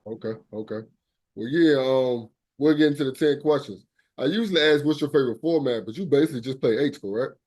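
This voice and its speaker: A man's voice: mid-range voice, brisk, darkish tone. A man hosting a podcast interview in a laid-back, slangy way, often answering with "okay, okay". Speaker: podcast host. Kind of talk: casual interview.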